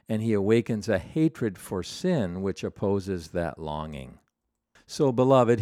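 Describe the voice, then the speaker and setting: Slow, solemn man preaching a sermon. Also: fairly low pitch, mellow, no room sound, studio quality.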